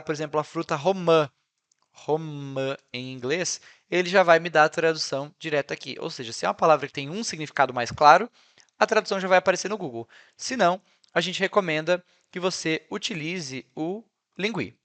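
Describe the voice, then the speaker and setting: A man's voice: a little high, fairly quick, fairly bright tone. A Brazilian man with a Brazilian Portuguese accent, an English teacher walking through translation tools in a casual screen-share tutorial, dropping frequent tag questions as he goes. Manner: chatty, peppered with "né?" and "ó".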